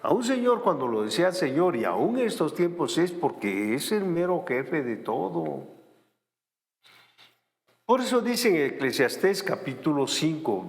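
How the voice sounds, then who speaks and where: A man preaching a sermon, animated and given to sarcastic asides. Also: mid-range voice, in a large hall.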